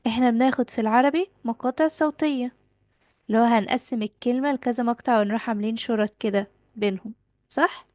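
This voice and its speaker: A woman's voice: on the high side, quick pace, a little mellow, dry recording. A young woman with an Egyptian Arabic accent, teaching English to a child, patiently asking questions and repeating the answers. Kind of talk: children's language lesson.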